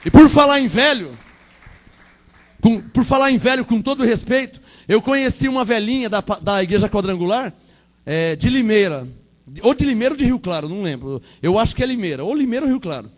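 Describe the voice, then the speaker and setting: A Brazilian man in his forties preaches with a strikingly high voice for a man. He repeats his lines for emphasis and swings between ringing proclamations and hushed asides. His Brazilian Portuguese accent comes through clearly. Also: animated, brisk. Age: 40s. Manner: fervent, repetitive, swings between loud proclamation and quiet asides. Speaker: pastor. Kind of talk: Pentecostal sermon.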